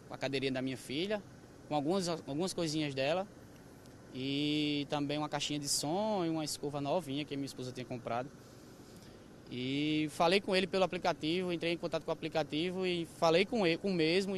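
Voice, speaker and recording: A man's voice: on the high side, a little hiss or hum. Hesitant male interviewee outdoors. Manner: plain, hesitant retelling with fillers. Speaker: crime victim interviewee. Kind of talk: recounting events in an interview. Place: outdoor parking lot. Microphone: reporter's handheld mic.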